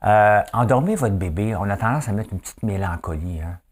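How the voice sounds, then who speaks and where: He's a host in his fifties whose Quebec French accent colors a casual, folksy news chat where he regularly quizzes his audience and keeps saying "hein?". The voice is on the low side and expressive, moving a little fast.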